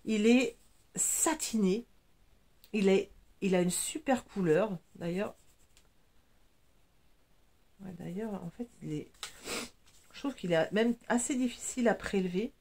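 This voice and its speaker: A woman's voice: medium pitch, slow, pauses often, dark tone. A woman in her forties, sniffling a little, chatting enthusiastically about her makeup products. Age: 40s. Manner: chatty and enthusiastic, many fillers. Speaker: beauty vlogger. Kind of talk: casual makeup product chat.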